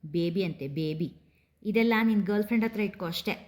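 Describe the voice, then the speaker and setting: A woman's voice: medium pitch, fairly quick, darkish tone, natural voice. A woman voicing a sassy young woman who mutters sarcastically and huffs off. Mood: sarcastic. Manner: huffy, sarcastic.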